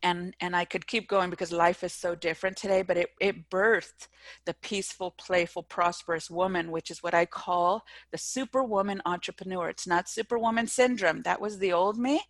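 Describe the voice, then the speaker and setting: A woman's voice: lowish voice, steady tone, moderate pace, dry recording. A middle-aged woman, an entrepreneur, telling a personal story as an interview guest, earnest and emphatic, often restarting her sentences.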